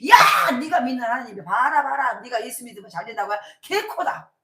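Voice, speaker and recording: A woman voicing a scornful unbelieving village neighbor who shouts mocking taunts, in an echoey church. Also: high-pitched, lively intonation, brisk. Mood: jeering.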